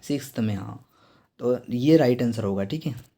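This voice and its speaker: Mellow-voiced Indian man quizzing students. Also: mid-range voice. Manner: repeats quiz questions to students, reads English items slowly. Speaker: teacher explaining exam answers. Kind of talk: exam answer walkthrough lesson.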